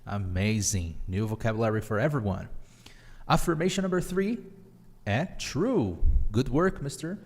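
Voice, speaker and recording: A man's voice: medium pitch, lively intonation, unhurried, a little mellow, in a large hall. A man with a Brazilian Portuguese accent hosting a live online English lesson, upbeat and teacherly, mixing English phrases into his explanations. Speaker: English teacher and podcast host.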